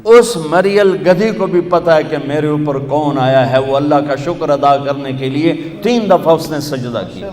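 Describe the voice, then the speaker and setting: A man's voice: on the high side, hardly any pauses, a little mellow. A male preacher delivers a sermon with rhythmic, emphatic lists that rise in repetition. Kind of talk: Urdu sermon. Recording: echoey hall with long reverb.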